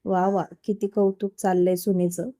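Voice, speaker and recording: A woman's voice: mid-range voice, little pitch movement, normal speed, dark tone, dry recording, close to an everyday voice. Teasing young husband, read by a woman narrator, affectionate, dry close sound.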